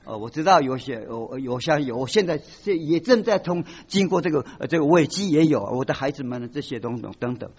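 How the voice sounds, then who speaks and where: Animated high-voiced male preacher. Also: brisk, few pauses, husky, in a large hall. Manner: animated preaching, acts out voices of God and the father, mixes in English words. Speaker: pastor. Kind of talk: sermon. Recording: dull lo-fi recording.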